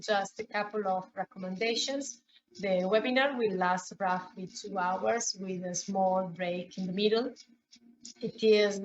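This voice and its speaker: A woman opening a university webinar, introducing the speaker politely and apologetically, with some hesitations. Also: medium pitch. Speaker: webinar host. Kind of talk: formal introduction. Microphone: video call. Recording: slightly dull online call audio.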